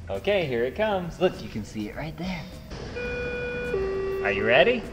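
Guy in his 30s vlogging with his kids, bouncy up and down voice, loud music under it. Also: on the high side. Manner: playful, cheering his children on. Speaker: family travel vlogger. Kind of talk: casual vlog talk with his kids. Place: train station, indoors and out. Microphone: handheld action camera held at arm's length. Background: loud background music.

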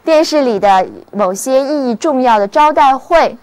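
A woman giving a scripted vocabulary lesson, spelling out English words slowly and carefully. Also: high voice, lively intonation, darkish tone.

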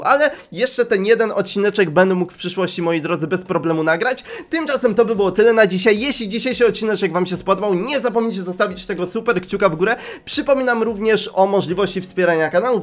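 Playful young man narrating gameplay. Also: high voice. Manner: playful, jokey, talks to viewers. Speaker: gaming YouTuber. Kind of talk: casual let's-play commentary.

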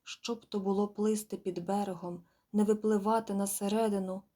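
A woman's voice: medium pitch, level tone, moderate pace, warm tone, natural voice. A woman voicing a frightened, stern father gander in a storybook reading, scolding and fretting aloud. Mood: despairing. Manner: scolding, raised and urgent.

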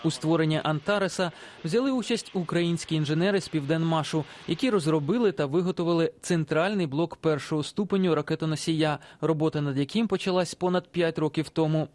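High-voiced male news correspondent. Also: fairly quick, darkish tone. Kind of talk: scripted news report narration.

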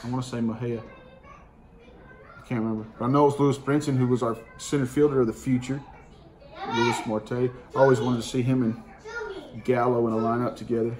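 A card collecting channel host calls out baseball card names one by one in a plain-spoken, slangy way, giving casual card-opening commentary from his dining room at home. His voice is medium-pitched at a moderate pace with long pauses, and crowd noise is audible. A camera on the table in front of him picks up the steady room noise.

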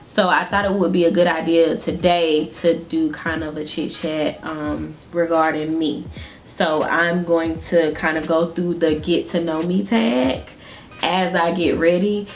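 Doing her makeup in a small room at home, the young Southern-accented vlogger from Georgia addresses her viewers directly, chatty and quick to laugh. Her voice sits low with fairly even intonation and a measured pace, over slight background noise.

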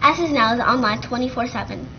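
A teenage girl co-anchoring a school morning news show, reading announcements in a brisk, upbeat way. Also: fairly high pitch, animated, lo-fi sound, slight background noise. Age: teens. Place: school TV studio, green screen.

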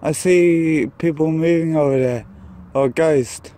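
A man with a slightly high, mellow voice films a ghost-hunting vlog outdoors near a tunnel. He talks slowly and nervously into his handheld camera mic, breaking into jumpy exclamations. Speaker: vlogger.

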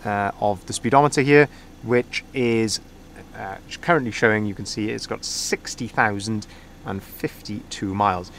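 A man's voice: mid-range voice, slight background noise. Chatty van salesman on a forecourt. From Wales. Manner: relaxed, salesy patter with many fillers. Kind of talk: walk-around vehicle tour. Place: outdoors at a van dealership forecourt. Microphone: camera held by the speaker, filming by hand.

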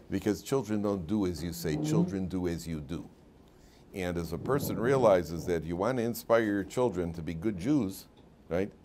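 Man, 50s, rabbi at the lectern; low-ish voice, loose storytelling classroom talk, stammered restarts, laughs at his own jokes. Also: darkish tone, slight background noise. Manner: chatty storyteller, repeats words, laughs at his own stories. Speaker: rabbi teaching a weekly Torah class. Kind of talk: informal classroom lecture with stories.

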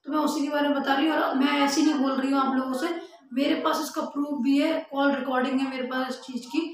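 Fast and high-pitched with little movement in her pitch, this young woman vlogger speaks casually and directly to camera about raising awareness. She is in a small room at home, and the recording is very echoey with a faint hum of noise.

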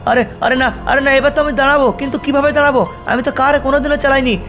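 A goofy zombie from a game video panics and giggles in a high, excitable voice. A man voices him. Faint music hums underneath. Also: rapid-fire. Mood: panicky. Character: goofy male zombie, a clumsy first-time driver.

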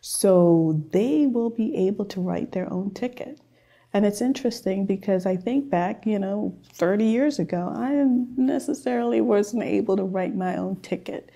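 A woman's voice: mid-range voice, normal speed, gravelly, mellow. A middle-aged woman from Trinidad and Tobago, an officer speaking earnestly in a studio interview. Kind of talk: personal interview.

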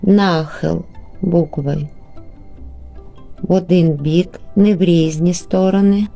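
A woman teaching young children in a remote lesson, patient and slow, stretching out words syllable by syllable, with a Ukrainian accent. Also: fairly low pitch, fairly even intonation, creaky, dark tone, soft background music. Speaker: primary school teacher.

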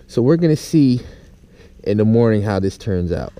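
In a yard by a tent, an outdoor gear vlogger chats informally and unscripted with his audience. His fairly low, warm voice is animated, and he speaks at normal speed.

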